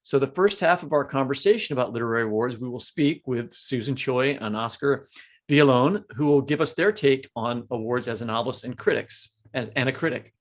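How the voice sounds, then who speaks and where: On a literary podcast, a male co-host with a brisk, medium-pitched voice chats casually. He reads out the award nominees and drops in small asides along the way.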